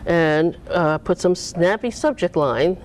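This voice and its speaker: Animated woman author, swooping pitch. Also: slow, a little hiss or hum. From Cape Cod, US. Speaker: author being interviewed. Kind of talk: casual interview talk.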